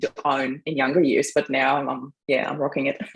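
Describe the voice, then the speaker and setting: A woman's voice: very deep voice, steady tone, measured pace, creaky, low-quality recording. A middle-aged woman from Austria, a guest telling her life story in a casual interview, chatty and laughing often, with frequent fillers. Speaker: podcast guest; mindset coach.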